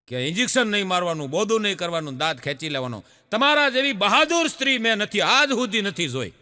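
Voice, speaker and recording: A man tells stage jokes, his voice high and bright as it rises and falls through each story. He slips into the characters as he goes, and a long hall reverb trails after his lines. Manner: lively storyteller acting out characters, laughing audience. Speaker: stand-up comedian. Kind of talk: Gujarati stage joke-telling.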